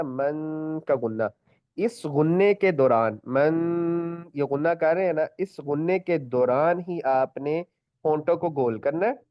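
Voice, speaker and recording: A man's voice: on the high side, no room sound, lo-fi sound. Patient man teaching Quran recitation. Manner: patient, repeats each point, stretches out recited words as examples; clears throat often. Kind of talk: online tajweed class.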